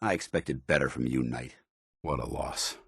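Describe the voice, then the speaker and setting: A stern, loyal paladin soldier in a video game. His voice is deep and gruff, a little husky, recorded dry and close. He speaks in clipped, commanding, formal military phrases. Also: normal speed, no room sound, full character voice. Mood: somber, regretful. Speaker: military companion character.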